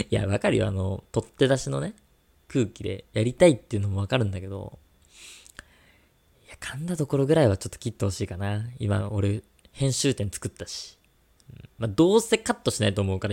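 Male podcast co-host, casual teasing banter, animated pitch, some vocal fry. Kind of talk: casual radio-style chat.

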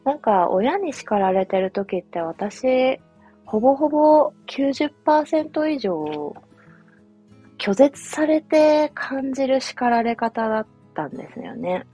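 A young woman, a mother, telling a personal family story in a soft, reflective, casual way with many fillers. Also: high-pitched, big pitch swings, slow pace, husky, dull audio. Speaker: podcast host, mother. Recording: faint music behind.

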